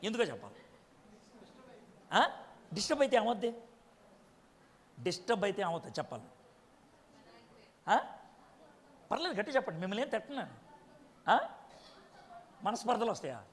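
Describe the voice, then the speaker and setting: A man's voice: sits high, big pitch swings, normal speed, long pauses, big-room sound. A man preaching a sermon, quizzing his congregation with frequent direct questions.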